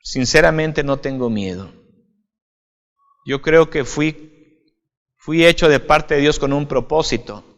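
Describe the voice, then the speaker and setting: A man's voice: a little high, slow pace, pauses often, lo-fi sound. A male pastor preaching an informal video sermon in a slightly raised voice. He talks conversationally, addressing the listener directly and tagging on little check-ins. The sound carries a long hall reverb. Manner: conversational, often adds "right?", addresses listener as "usted".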